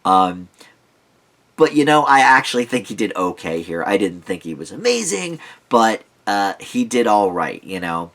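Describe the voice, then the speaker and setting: Low-voiced man casually reviewing films. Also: sing-song, normal speed, fairly bright tone. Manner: conversational, digressive, thinking aloud. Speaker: film reviewer. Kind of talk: casual rambling movie review.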